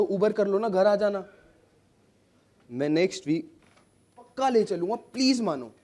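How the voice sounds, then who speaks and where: A man's voice: very high-pitched, darkish tone. An Indian-accented man playing a harried accountant pleading with his wife on the phone. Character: harried male accountant juggling angry wife. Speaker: chartered accountant. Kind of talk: stage drama acting.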